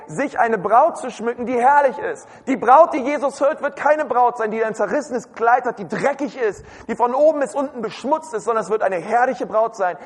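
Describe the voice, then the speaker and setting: A man preaching a lively sermon, talking straight to his congregation and often calling out to them. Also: extremely high pitch, in a large hall. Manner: lively, direct, addresses the audience with "hey". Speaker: pastor. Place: church hall.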